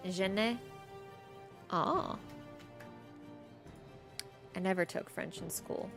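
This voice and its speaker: A chatty woman talks through a live game stream, answering chat in a relaxed, easygoing way. She laughs often between thoughts, with faint music under her voice. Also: mid-range voice, drawn-out words, vocal fry. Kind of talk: casual live-stream chat while gaming.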